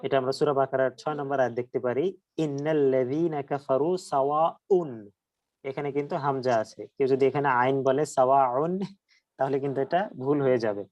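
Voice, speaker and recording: A man teaching Quran pronunciation in an online class, patiently demonstrating letter sounds slowly and repeating them. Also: medium pitch, fairly even intonation, darkish tone, dry recording, lo-fi sound.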